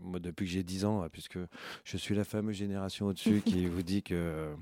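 A middle-aged man speaks as an interview guest, relaxed and rambling, with frequent hesitations. His voice sits somewhat low. He talks casually, as if explaining things to a class. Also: brisk. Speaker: philosophy teacher guest.

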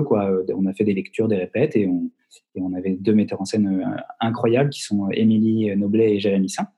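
A male actor talking casually over a video call, with a mellow, slightly husky voice. He jokes in a teasing way and often spins mock-serious tall tales. His tone is relaxed and easygoing. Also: lowish voice. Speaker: actor guest.

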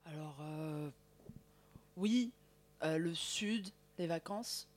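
A woman's voice: low-pitched, drawn-out words. A young woman, speaking as a panellist on a discussion show. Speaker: panellist and presenter. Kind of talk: casual chat and prepared explanatory segment.

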